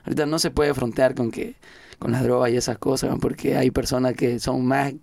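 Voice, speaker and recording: Gravelly man, slangy chat. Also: mid-range voice, fairly quick, no echo. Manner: relaxed, slangy, rambling with restarts. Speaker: musician guest. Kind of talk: casual podcast conversation.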